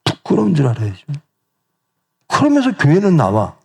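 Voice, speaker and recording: A man's voice: fairly high pitch, wildly swooping pitch, normal speed, vocal fry. A middle-aged male pastor preaching a sermon in a church, asking the congregation questions and acting out the voices he quotes. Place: church sanctuary.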